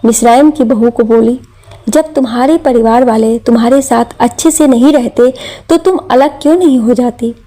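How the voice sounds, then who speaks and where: A woman's voice: on the high side, normal speed, mellow. A woman telling a family drama story in scripted narration, reading every character's lines in her own voice.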